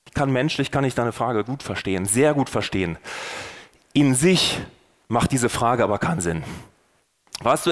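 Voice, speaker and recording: A man with a fairly high voice preaches on a faith podcast. He talks straight to the listener and keeps asking rhetorical questions. His delivery is earnest and persuasive, and it rises and falls for emphasis. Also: a bit bright. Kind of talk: sermon-style podcast talk.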